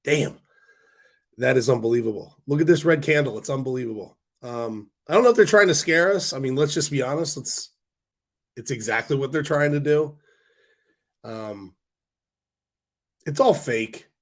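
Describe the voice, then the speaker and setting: On his laid-back stock-market livestream, the host responds to viewer comments while hoarse from a cold, meandering with fillers and restarts. His mid-range voice moves at a moderate pace and pauses often.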